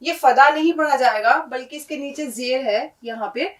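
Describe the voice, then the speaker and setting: A woman's voice: high voice, normal speed, slight background noise. A woman teaching a letter-by-letter language lesson, patient, repeating and checking in with her students. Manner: patient, explains and repeats, asks "है ना?" often. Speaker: Urdu teacher. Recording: echoey room, mic at a distance.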